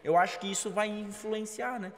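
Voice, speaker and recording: A man's voice: high-pitched, steady tone, normal speed, in a large hall. A man with a Brazilian Portuguese accent hosting a podcast, thinking aloud and ending points with tag questions. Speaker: podcast host. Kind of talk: casual interview talk. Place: podcast studio.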